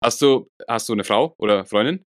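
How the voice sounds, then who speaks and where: A man's voice: on the low side, fairly quick, dry recording, clean studio sound. A man hosting a podcast, asking a guest casual questions and giving brief, friendly acknowledgements. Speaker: podcast host, interviewer.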